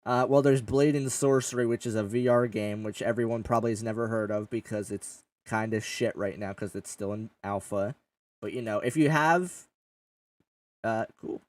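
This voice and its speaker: A man's voice: on the low side, steady tone, moderate pace, dry recording, recorded from a distance. A man hosting a casual gaming podcast, rambling and joking with a lot of swearing. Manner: rambling, swears often, jokey. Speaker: podcast host and streamer. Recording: dry, a bit off-mic.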